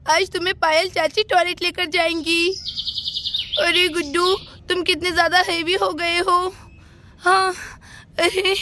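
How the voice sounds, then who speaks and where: A woman's voice: very high voice, background noise. A woman playing a flustered, fussing young aunt. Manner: fussing, exclamatory, panicky. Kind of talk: doll-play storytelling.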